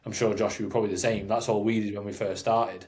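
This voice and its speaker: A man's voice: fairly low pitch, flat delivery, fast, darkish tone. A man, a fitness coach co-hosting a podcast, talking earnestly and reflectively in casual chat.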